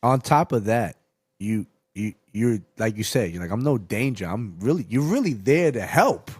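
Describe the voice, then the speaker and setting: A man's voice: on the low side, sing-song, moderate pace, a little mellow, husky. A man co-hosting a podcast, chatting casually and backing up his partner with agreement. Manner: supportive, agreeing backchannel. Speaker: podcast co-host. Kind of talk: casual chat.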